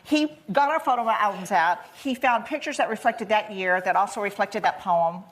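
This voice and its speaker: A woman's voice: medium pitch, moderate pace. Brief: older woman, talk-show guest, tender and emotional storyteller, faint noise behind. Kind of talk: casual chat.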